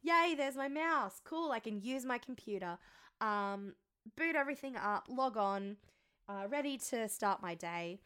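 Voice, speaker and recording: An Australian woman co-hosts a podcast, hoarse and congested from a cold, trading frank, sweary, self-mocking anecdotes in casual chat. Her fairly high, slightly bright voice is expressive and measured.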